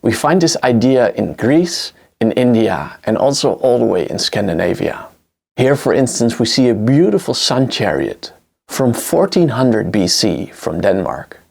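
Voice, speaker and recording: Here a man of medium pitch speaks at a measured pace, his voice carrying vocal fry and a breathy edge. He's a history lecturer, a native Dutch speaker with a Dutch accent, explaining a scripted history lesson with lively intonation.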